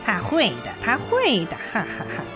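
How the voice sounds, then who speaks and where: A woman's voice: fairly high pitch, huge pitch swings, normal speed, over music, pitched above the performer's own voice. A woman voicing a greedy, sly old crone in a storybook reading.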